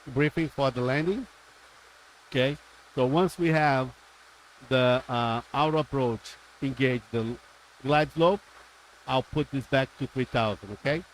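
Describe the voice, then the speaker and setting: A man's voice: mid-range voice, a little hiss or hum, poor audio. A man working as a simulator pilot instructor, methodically talking through an approach briefing step by step on a live stream.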